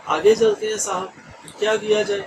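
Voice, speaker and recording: A man teaches an online training session in a chatty, easygoing way, dropping in English phrases and often checking that his listeners follow. His voice sits high. He is recorded from a distance, with clear noise in the room behind him. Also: steady tone. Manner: chatty, mixes English phrases, frequent "theek hai ji" checks. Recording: distant mic with noisy room ambience.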